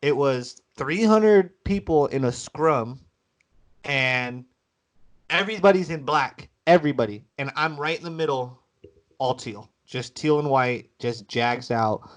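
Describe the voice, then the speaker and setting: A man co-hosting a casual sports podcast, telling animated stories and swearing freely. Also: medium pitch, unhurried. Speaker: podcast co-host.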